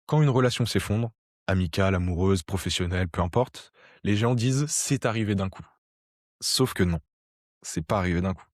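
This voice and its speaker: A man's voice: sits low, a little fast, no echo, studio quality. A man explaining sociology ideas to camera in a conversational way, with frequent fillers and restarts. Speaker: sociology educator.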